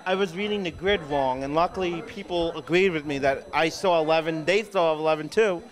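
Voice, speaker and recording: Young male host, slightly high voice, rambling, casual recap chat. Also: fairly quick. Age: young adult. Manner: rambling, with fillers and restarts.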